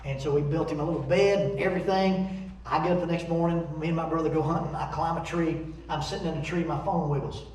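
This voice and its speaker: Folksy preacher, roomy and distant. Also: male voice, on the high side, fast, a little hiss or hum. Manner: folksy storytelling, animated. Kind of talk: sermon. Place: church sanctuary. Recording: echoey church from far off.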